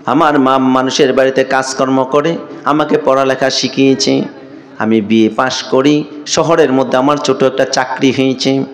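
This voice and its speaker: A man voicing a grief-stricken grown son who tearfully confesses a terrible wrong, his voice pitched high as he pleads. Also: fairly even intonation, normal speed, close to an everyday voice. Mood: pleading. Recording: echoey sermon sound.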